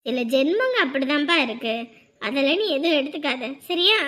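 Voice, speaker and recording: A very high, bright-voiced middle-aged aunt, played by a woman in a family drama skit. She grumbles and scolds in a sharp, indignant way. She turns soft and coaxing with the child she looks after. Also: very animated, brisk. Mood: soothing.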